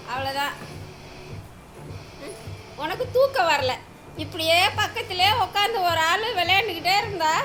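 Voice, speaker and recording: Very high-pitched woman scolding her dogs. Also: bright, forceful tone. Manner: scolding, teasing, asking questions over and over. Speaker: dog owner vlogger. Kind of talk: casual talk to her pet dogs. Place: home. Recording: noisy home recording.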